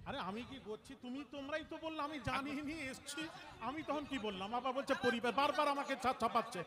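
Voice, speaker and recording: A man's voice: very high-pitched, a little fast, crowd noise. A male preacher with a West Bengal Bengali accent, debating heatedly at a religious gathering and pressing his opponents with rhetorical questions. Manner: argumentative, fires rhetorical questions.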